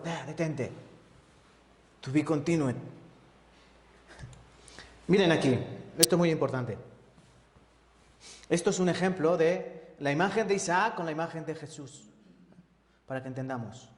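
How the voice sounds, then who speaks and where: A man's voice: a little high, moderate pace, long pauses. A man teaching a Bible sermon as an evangelist, often asking the congregation questions and checking with tag questions. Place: church. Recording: echoey church hall.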